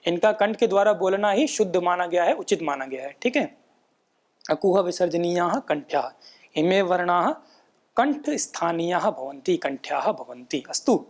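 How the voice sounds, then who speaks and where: A Sanskrit pronunciation teacher with a high-sitting voice gives a patient explanatory lecture. He chants rules in a measured recitation and repeats his points, checking in often with "है ना" tag questions.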